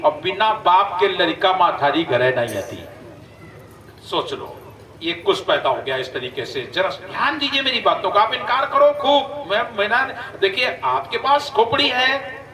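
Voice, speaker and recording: High-voiced man preaching to an echoey crowd. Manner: animated storytelling, acting out characters' lines. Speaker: religious storyteller. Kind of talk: folk sermon to a gathering. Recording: echoey, far from the mic, crowd behind.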